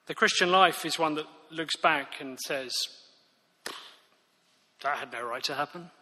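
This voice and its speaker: A man delivers a sermon in a bright, forceful voice pitched a little high. He is earnest and emphatic and keeps circling back to his key phrases. The sound carries a long reverb, as in a church hall. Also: unhurried. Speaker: preacher.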